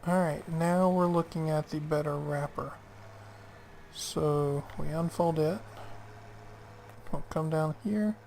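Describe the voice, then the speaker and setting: A man's voice: on the high side, fairly even intonation, takes it slowly, creaky, a little mellow, slight background noise. A man casually talking through his gameplay, muttering to himself and often dropping to a near whisper. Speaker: gaming channel host.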